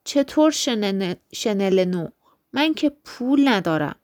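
A woman's voice: mid-range voice, sing-song, a little mellow, close to an everyday voice. A woman voicing a timid, poor male clerk who pleads anxiously in a storybook reading. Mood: dazed.

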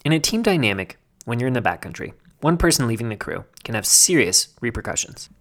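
A man's voice: medium pitch, very animated, quick pace, fairly bright tone. A man putting on a mock public radio announcer voice to narrate a podcast segment. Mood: narrating. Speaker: podcast host.

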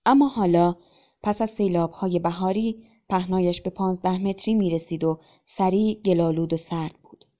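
A woman narrating a short story in a calm, even storytelling manner. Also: on the low side.

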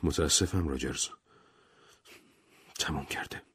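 Audiobook guy doing a calm serious doctor, low voice, careful. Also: natural voice. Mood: grave. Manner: measured, grave. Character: composed, measured middle-aged male doctor.

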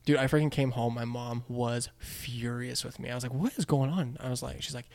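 A young man, a podcast guest, telling animated stories in casual chat, acting out quotes and laughing often. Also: mid-range voice, fairly quick, creaky.

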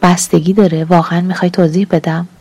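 A woman's voice: fairly low pitch, flat delivery, darkish tone, breathy edge. A woman narrator voicing a tired, fearful man who answers in short, subdued replies.

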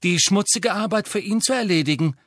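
A man's voice: sits high, brisk, a bit bright, no echo, studio quality, voice pushed up. A man doing a defiant teenage boy wizard.

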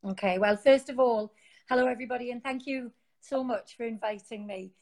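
A Geordie woman from Newcastle, England speaks with a fairly high, darkish voice at a fairly quick pace. She's an interview guest and founder of an online support group, chatting casually from her sofa at home over a phone mic, rambling with many fillers and restarts.

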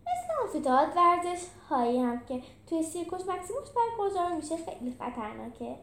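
A woman's voice: very high voice, sing-song, a bit bright, reverberant, pitched above the performer's own voice, exaggerated voice. A woman voicing a grumpy, know-it-all young male animal who lectures in a children's story. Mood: lecturing. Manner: lecturing, irritable.

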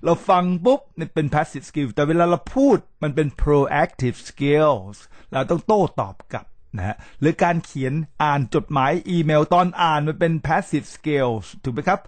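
A middle-aged man hosts a podcast in a chatty lecture style, his voice sitting a little high. He talks with lively energy and slips in English words as he demonstrates them. The sound is close and dry, with no room echo. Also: measured pace, few pauses. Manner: animated, mixes English words into his talk, demonstrates pronunciation. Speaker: podcast host teaching English. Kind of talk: casual lecture-style talk to listeners.

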